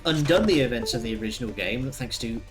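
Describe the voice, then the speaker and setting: A man's voice: medium pitch, expressive, fast talker. A man giving casual, wry and sweary commentary as he plays a video game. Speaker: video game let's player. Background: video game music.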